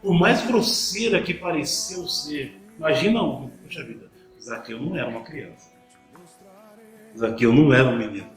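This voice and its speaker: A man's voice: medium pitch, expressive, moderate pace, reverberant, faint music behind, low-quality recording. A man preaching a sermon, asking the listeners rhetorical questions and often repeating words as he restarts a thought.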